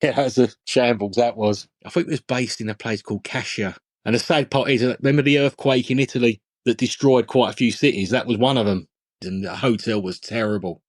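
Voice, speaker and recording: A man's voice: mid-range voice, steady tone, a little fast, no room sound. A man, a former kitman, recalling events bluntly and repeating himself. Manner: blunt, repetitive storytelling.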